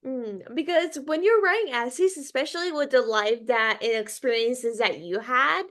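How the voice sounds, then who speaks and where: Hosting a podcast interview, a young adult woman talks in a casual, rambling way, leaning heavily on fillers like "like." Her voice is high-pitched and fairly bright, at a moderate pace.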